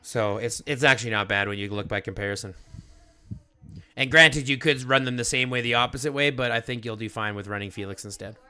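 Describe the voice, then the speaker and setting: Streamer dude, bright sharp voice, swears a lot, walks someone thru game stats, dry close sound. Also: male voice, mid-range voice, fairly quick, smooth, no echo. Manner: profane, emphatic, explains step by step. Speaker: livestream host coaching a player. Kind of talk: casual livestream chat.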